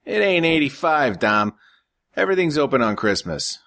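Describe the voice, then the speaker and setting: High brash young mobster guy, pushy and crude, read by a man. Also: sing-song, a bit bright, no echo, clean studio sound. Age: 20s. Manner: crude, pushy, fast-talking. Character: brash foul-mouthed young mobster brother.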